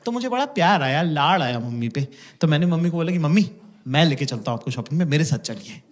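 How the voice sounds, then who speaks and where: A man's voice: a little high, expressive, quick pace. A man in his thirties performing a stand-up comedy set, telling stories about his parents and acting out their voices. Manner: storytelling, acts out parents' voices. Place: stage before a laughing audience. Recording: live stage mic, loud crowd and noise.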